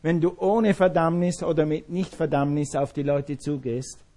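A male pastor delivers a sermon with emphatic conviction, circling back to repeat his key phrases. His voice sits fairly high yet sounds dark and mellow. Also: steady tone, moderate pace.

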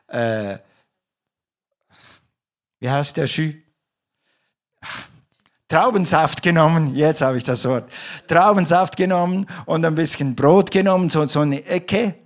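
A male pastor preaching in German with a mid-range voice. He speaks conversationally, breaking off sentences, restarting them and correcting himself as he goes. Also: mid-range voice. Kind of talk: sermon. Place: church.

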